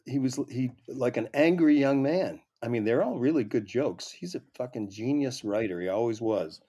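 A man's voice: medium pitch, normal speed, warm tone, husky. A man, a comedy writer, guesting on an interview show and telling rambling, profane stories full of restarts. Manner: rambling, swears often, many restarts. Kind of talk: casual anecdote telling.

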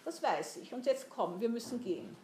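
A woman's voice: fairly high pitch, animated, normal speed, mellow, a little hiss or hum, close to an everyday voice. A woman voicing a domineering, mocking older merchant who talks down to a boy in a storybook reading. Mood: commanding. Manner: commanding, mocking. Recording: roomy echo.

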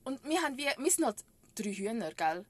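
Lively, high-pitched Swiss German woman. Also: a little fast, over a noisy crowd. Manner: animated, laughing often, acts out quotes. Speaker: podcast co-host. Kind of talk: casual chat, storytelling.

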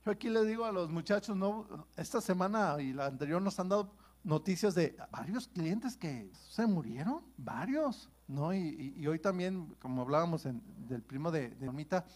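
A man's voice: on the high side, animated, moderate pace, a little mellow. A man preaching a sermon in a conversational way, often checking in with his listeners. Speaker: pastor.

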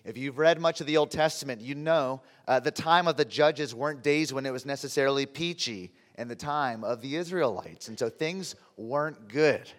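Guy preaching, deep voice like he's a bit sick, stop-and-start emphasis, big echoey hall. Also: moderate pace, hardly any pauses. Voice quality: unusually deep voice from being under the weather. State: under the weather, congested. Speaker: pastor. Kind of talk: sermon, conversational teaching. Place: large reverberant room, preaching to a congregation. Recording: reverberant hall sound.

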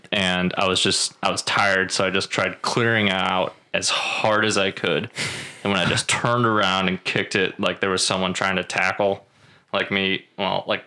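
A man's voice: sits low, bright, forceful tone. A young man co-hosting a podcast, telling stories in a laid-back casual chat and laughing often. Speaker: podcast co-host.

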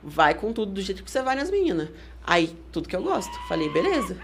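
A woman with a Brazilian Portuguese accent, a guest on a studio podcast, telling a story with energy and acting out the shouts of others. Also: medium pitch, very animated, fast, a crowd in the background. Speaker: guest fighter. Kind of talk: casual podcast interview.

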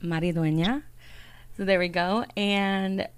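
A woman's voice: mid-range voice, normal speed. Upbeat chatty woman podcast host. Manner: upbeat, chatty, laughs easily. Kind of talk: podcast interview.

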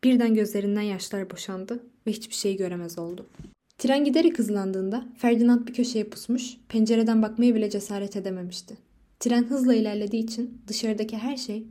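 A woman reads a literary story as an audiobook narrator, measured and expressive as she carries the scenes along. Her voice is mellow and dark, in a middle pitch for a woman.

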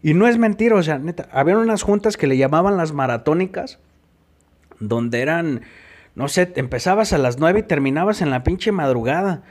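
A man with a Mexican accent and a slightly high voice recounts his own experience for an interview. He talks in a blunt, emphatic way, full of swearing. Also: lively intonation, normal speed. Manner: profane, emphatic storytelling. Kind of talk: personal testimony.

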